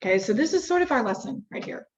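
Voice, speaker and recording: A woman leads a one-on-one phonics lesson with short, patient prompts. Her voice sits a little high. The recording is roomy and dull. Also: sing-song, fast, slight background noise. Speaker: reading tutor.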